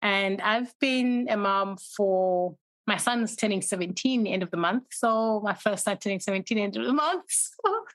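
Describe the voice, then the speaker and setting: A woman's voice: mid-range voice, normal speed, no room sound, low-quality recording. Female guest, 40s, from Zimbabwe; chatty, laughing storyteller; dry close mic. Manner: laughing, storytelling, animated when quoting. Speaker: podcast guest. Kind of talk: casual interview chat.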